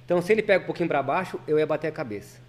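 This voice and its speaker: A lay preacher appears as a podcast guest, racing through a personal story in a voice that's a little high. His talk is casual and earnest, full of restarts and repeated words.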